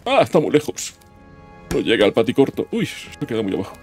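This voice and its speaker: A man's voice: mid-range voice, big pitch swings, brisk. A man giving casual gameplay commentary, chatting to himself as he plays and letting out sudden yelps. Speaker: gaming YouTuber. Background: game music.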